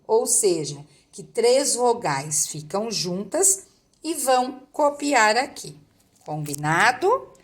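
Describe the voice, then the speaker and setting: A woman teacher, reading a textbook lesson aloud to pupils and explaining it patiently, step by step. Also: mid-range voice.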